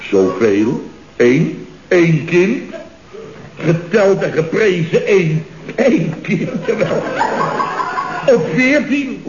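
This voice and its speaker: An actor playing a chatty, boastful boss of a construction firm in a 1960s radio comedy, talking in rambling, jovial asides. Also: male voice, sits high, very animated, slow pace, long pauses, darkish tone, full character voice. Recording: dull, roomy old radio recording.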